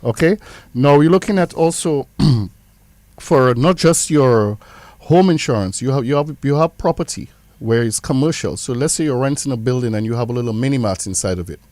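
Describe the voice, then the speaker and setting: A Caribbean man with a medium-pitched voice explains things in an interview, recorded dry. He is emphatic, going back over phrases to stress them. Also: moderate pace, darkish tone, no echo. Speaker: insurance representative.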